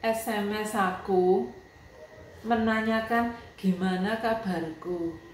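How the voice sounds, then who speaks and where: A woman's voice: mid-range voice, fairly even intonation, slow pace. Chatty Javanese woman in an echoey room. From Yogyakarta, Java, Indonesia. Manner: chatty, emotional, mixes Javanese, Indonesian and English. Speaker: vlogger. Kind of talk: casual storytelling to viewers. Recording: very echoey room with faint ambient noise.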